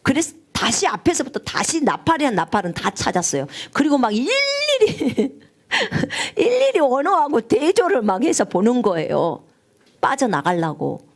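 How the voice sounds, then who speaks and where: A woman missionary preaching a sermon, telling her story with strong emotion, at times rising high and near tears. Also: big pitch swings, moderate pace, gravelly. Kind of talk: live-streamed sermon testimony.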